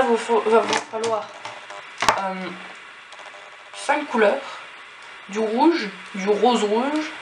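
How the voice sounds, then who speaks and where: A man's voice: high-pitched, gravelly. A man with a cold, sniffling as he explains a drawing tutorial step by step and counts squares aloud with lots of fillers. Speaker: tutorial host. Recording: echoey room with background noise.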